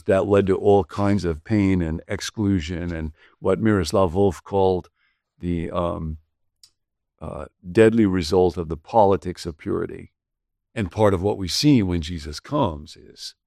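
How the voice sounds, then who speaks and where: A man gives a sermon-style lesson in a conversational, explanatory way, reading scripture and adding casual asides. His voice sits low with a gravelly edge. The sound is dry and close. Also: darkish tone, dry recording. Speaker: pastor. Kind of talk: sermon-style video teaching.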